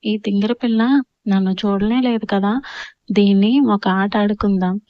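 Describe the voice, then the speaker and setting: A woman's voice: mid-range voice, level tone, moderate pace, no room sound, highs cut off, close to an everyday voice. A woman voicing a playful young husband who muses to himself and teases his new wife. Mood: teasing.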